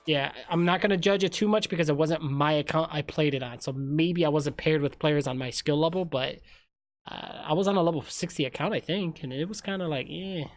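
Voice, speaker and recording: A man chatting casually with friends while gaming, relaxed and joking, full of slang. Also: a little high, fairly quick, faint music behind. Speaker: streamer and player. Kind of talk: casual gaming banter on voice chat.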